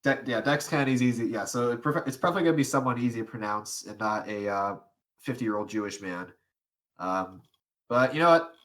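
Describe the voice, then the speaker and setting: A man's voice: mid-range voice, a little fast, fairly bright tone. A young man co-hosting a casual podcast, rambling with lots of fillers, restarts and frequent laughs. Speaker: podcast co-host. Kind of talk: casual chat.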